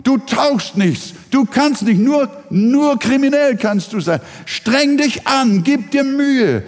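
Ein Prediger spielt keifende, tadelnde Stimmen. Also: male voice, animated, slow, a little mellow, big-room sound, heavily acted. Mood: scolding. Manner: shrill, hammering reproach. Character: nagging, scolding adults lecturing a delinquent.

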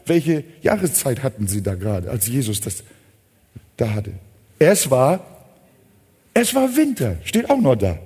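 A man preaching a sermon, emphatic, switching between loud urgent appeals and quiet asides, asking listeners direct rhetorical questions. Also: medium pitch, sing-song, a little slow, husky. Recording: long hall reverb.

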